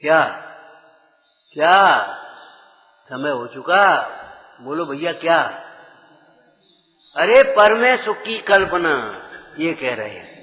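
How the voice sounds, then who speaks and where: A man's voice: fairly high pitch, expressive, takes it slowly, pauses often, a bit bright. A man preaching a sermon to a gathered audience, exhorting them and putting rhetorical questions to them. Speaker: Jain preacher. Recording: dull sound with long hall reverb.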